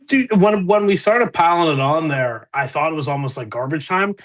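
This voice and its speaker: A young man with a Pittsburgh accent co-hosts a casual sports podcast. His voice sits a little high with a bright, forward tone, and he talks loosely and laughs easily. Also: moderate pace. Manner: laughs often, loose and excitable. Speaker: podcast co-host.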